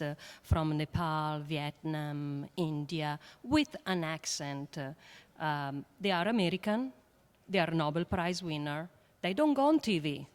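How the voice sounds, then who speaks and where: A woman with a fairly low voice speaks up on a panel. She is earnest and halting, often pausing on fillers and repeating words as she makes her point. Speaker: scientist on a panel. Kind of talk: panel discussion remarks.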